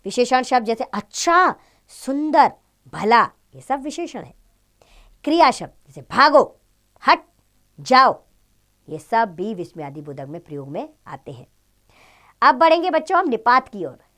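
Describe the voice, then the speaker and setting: A woman teaching a grammar chapter to schoolchildren. Her pitch rises and falls a lot. She gives each example exclamation its own feeling. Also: normal speed. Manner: expressive, acts out example exclamations. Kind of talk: Hindi grammar lesson for children.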